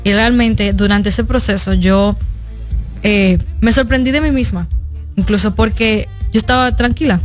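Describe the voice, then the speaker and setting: With soft music underneath, a woman in her twenties from the Dominican Republic answers radio interview questions a little slowly at medium pitch. Her Dominican Spanish accent colors speech that is sincere and reflective, with hesitations between phrases.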